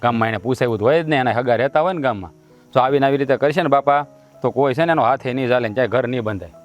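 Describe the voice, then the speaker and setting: A man playing a young farmer son from a village, speaking. He talks fast and outspoken, gripes bluntly and never holds back, and soft music plays behind him. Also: mid-range voice, highs cut off, close to an everyday voice. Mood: complaining. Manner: brisk, complaining, outspoken. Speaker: son in family drama. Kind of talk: Gujarati village drama dialogue.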